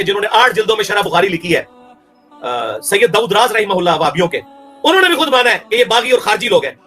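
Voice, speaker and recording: A man's voice: sits high, fairly bright tone. A man with a Pakistani Urdu accent giving an angry, scornful religious rebuttal, insulting and heated. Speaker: religious speaker.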